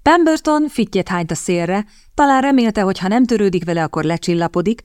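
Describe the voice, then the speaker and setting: A woman narrating an audiobook in a steady, even-paced reading. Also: fairly low pitch, dry recording, clean studio sound. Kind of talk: scripted narration.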